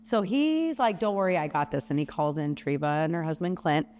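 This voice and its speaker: A woman's voice: deep voice, brisk. Female host, chatty storyteller who plays out quotes; reverberant room, faint hum behind. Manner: animated storyteller, acts out quotes. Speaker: podcast host. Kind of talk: casual storytelling chat.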